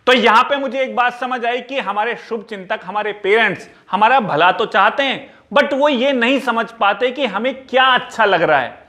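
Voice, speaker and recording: A man's voice: very high-pitched, normal speed, hardly any pauses, sharp tone. A man talking casually to camera as a YouTuber, giving advice and slipping English words into his Hindi. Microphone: small clip-on mic.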